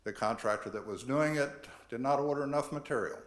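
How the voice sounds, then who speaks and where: An older man addressing a city board about his property, earnest and measured, reading from his notes. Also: medium pitch. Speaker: property owner at hearing. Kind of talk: public comment at board meeting. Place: council chambers. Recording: echoey chamber.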